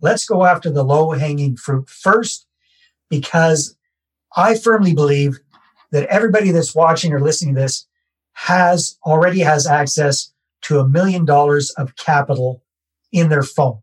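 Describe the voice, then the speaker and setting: On a podcast, a Canadian real estate investor explains his method to the host in a husky, slightly raised, fairly high voice at normal speed. He's conversational and self-deprecating, and he keeps returning to the same key phrases.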